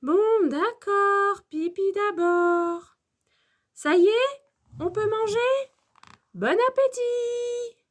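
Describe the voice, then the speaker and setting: Fussy dino schoolteacher, high and loud, scolds a lot, played by a woman reader. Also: animated, slow pace, pauses often, full character voice. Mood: bossy. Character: strict but caring female dinosaur schoolteacher. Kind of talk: children's storybook reading.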